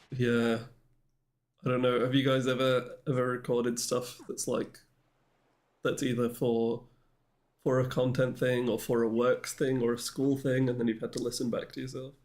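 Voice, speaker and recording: A man's voice: medium pitch, little pitch movement, unhurried, long pauses, a little mellow. A male streamer in casual livestream chat with his viewers, rambling and self-deprecating as he answers the chat.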